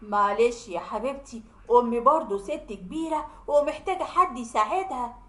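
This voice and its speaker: A woman's voice: on the high side, expressive, moderate pace, close to an everyday voice. A woman voicing a mild young Egyptian husband who soothes and coaxes his wife. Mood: coaxing. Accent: Egyptian Arabic. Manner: coaxing, soothing. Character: placating young husband, mild and smooth-talking. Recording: roomy echo.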